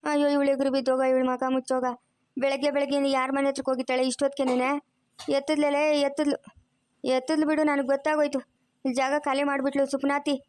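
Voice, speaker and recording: A woman's voice: sits high, flat delivery, fast talker, a little mellow, natural voice. A woman voicing a cursing old village grandma. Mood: lamenting. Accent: rural Chikkaballapur Kannada. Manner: scolding, repeats curses. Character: quarrelsome old grandmother, cursing and self-pitying. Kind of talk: cartoon voice acting.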